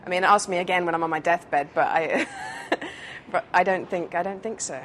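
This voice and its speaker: British actress, lower register, chatty and rambling with fillers, faint background noise. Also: female voice, fairly quick, fairly bright tone. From United Kingdom. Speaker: actress being interviewed. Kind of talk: casual interview chat.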